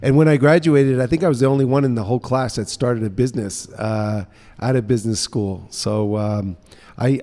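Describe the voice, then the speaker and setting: A man in his fifties, raised in the United States, telling stories in a relaxed, chatty way as a guest in an interview in a co-working space. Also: medium pitch, big-room sound. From United States (grew up in New Orleans). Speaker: guest, entrepreneur. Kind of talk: casual interview conversation.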